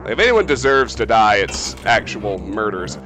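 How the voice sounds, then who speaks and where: A man's voice: fairly low pitch, big pitch swings, normal speed, over music. A man giving offhand, conversational commentary as he plays through a video game. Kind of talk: casual playthrough commentary.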